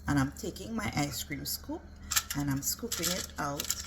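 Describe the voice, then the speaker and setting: A woman's voice: sits low, lively intonation, moderate pace, very noisy. A woman giving a casual, step-by-step cooking demonstration as a home cook. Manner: instructional, step-by-step. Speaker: home cook presenting a recipe.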